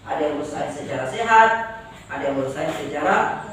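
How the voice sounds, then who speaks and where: Speaking a little fast with lively intonation and a fairly bright, slightly high voice, this male law lecturer teases his students in a joking university lecture, often tagging lines with "ya." His accent mixes Makassar and Javanese Indonesian. He's far from the mic, so the room comes through echoey and noisy.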